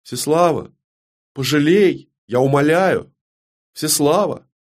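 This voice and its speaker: A man voicing a desperate young fairy woman who screams curses and begs for her life in a shrill falsetto. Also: slow. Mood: pleading. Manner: hysterical screaming curses, then tearful begging.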